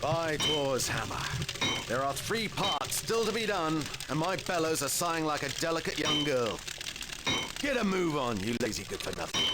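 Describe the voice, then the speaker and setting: An actor playing a gruff, bossy male Viking blacksmith in a dubbed educational game, scolding and grumbling, heard through noisy game audio. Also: a little high, big pitch swings, moderate pace.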